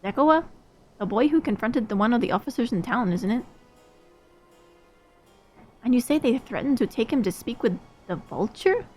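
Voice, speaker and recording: A woman reading aloud a calm game companion explaining a plan, in a measured way. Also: on the high side, breathy edge, faint music behind. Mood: planning.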